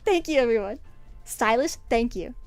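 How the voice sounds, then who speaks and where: A young woman streamer chatting casually to her viewers, bubbly and excitable, often breaking into giggles. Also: a little high, moderate pace, dry recording, soft background music. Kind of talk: casual livestream chat.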